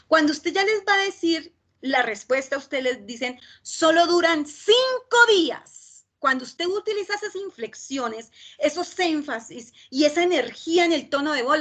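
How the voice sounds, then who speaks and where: A woman with a Colombian Spanish accent giving a training lecture, talking fast and checking in with her listeners. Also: high voice, fairly bright tone. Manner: talks fast with frequent "¿sí?" check-ins.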